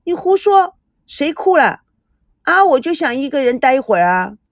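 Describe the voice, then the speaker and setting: A woman's voice: sits high, big pitch swings, moderate pace, dry recording, clean studio sound, voice pushed up. A woman voicing a sulky, coquettish young woman in an audiobook.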